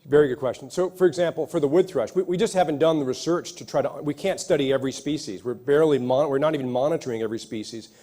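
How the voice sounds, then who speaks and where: A man's voice: fairly high pitch, fast talker, hardly any pauses, mellow. A man, an ecologist, answering audience questions after a lecture in an earnest way, often restarting his sentences. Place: lecture hall.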